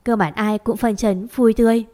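A woman narrating a story aloud in a calm, even reading voice. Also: fairly high pitch, normal speed.

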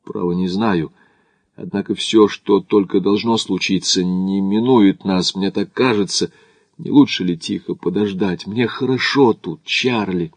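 A man's voice: deep voice, measured pace, dry recording. Smith, a man playing a hesitant, mild traveler.

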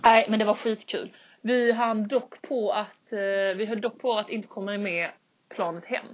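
A young woman in casual podcast chat, telling a story with lively acted-out quotes and casual swearing. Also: medium pitch. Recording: dull lo-fi sound.

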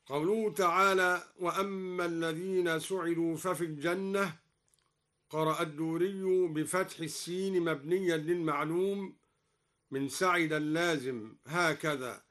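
A man teaching the variant readings of the Quran in formal classical delivery, explaining each point and then slowing into melodic chanting of the verse. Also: a little high, fairly even intonation, a bit bright. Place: radio studio.

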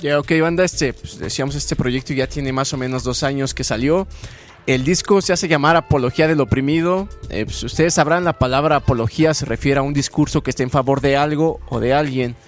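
Male rapper, medium voice, casual with filler words, soft music behind. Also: mid-range voice, a little fast. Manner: relaxed, slangy, many fillers. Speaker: rap musician guest. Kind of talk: casual interview chat.

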